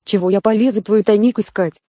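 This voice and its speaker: A woman's voice: medium pitch, steady tone, brisk, warm tone, no echo, lightly acted. Whiny starving little village boy, resentful, a woman reading him. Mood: whining. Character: hungry, angry five-year-old village boy.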